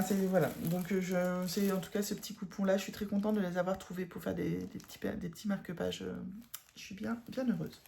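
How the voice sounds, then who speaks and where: A woman's voice: mid-range voice, creaky, warm tone. A woman with a northern French accent, chatting casually about her cross-stitch haul, rambling with fillers and correcting herself, tired. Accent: northern French, Ch'ti.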